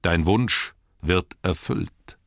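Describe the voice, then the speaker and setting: A man voicing a calm, authoritative old male wizard in an audiobook, speaking slowly and firmly. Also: sits low, vocal fry, dry recording, clean studio sound, exaggerated voice. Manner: slow, measured and firm. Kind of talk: audiobook character voice.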